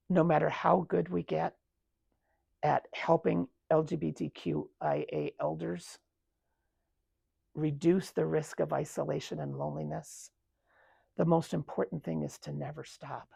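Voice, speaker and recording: A woman in her seventies with a gravelly, husky voice talks through her working life at a retirement community. She is reflective and pauses often on ums and restarts. The sound is close and dry. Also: deep voice, a little mellow, dry recording. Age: 70s. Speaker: interviewee. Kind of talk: recounting her career.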